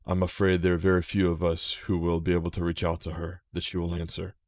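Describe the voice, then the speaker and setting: A man voicing an ancient male gold dragon who speaks in slow, solemn pronouncements. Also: low voice, completely flat delivery, darkish tone, lightly acted. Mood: grave.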